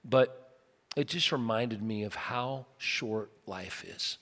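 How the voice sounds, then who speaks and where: A middle-aged man, a pastor, preaching a casual, earnest sermon and telling stories, now and then breaking into loud bursts. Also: on the low side, slow. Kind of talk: conversational sermon. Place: large church auditorium. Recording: long hall reverb from a big sanctuary.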